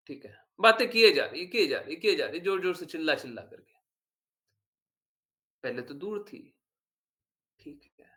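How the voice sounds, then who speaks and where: A man's voice: a little high, bright, forceful tone. A man giving an earnest devotional talk to followers, explaining patiently and repeating his points for emphasis. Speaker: spiritual teacher.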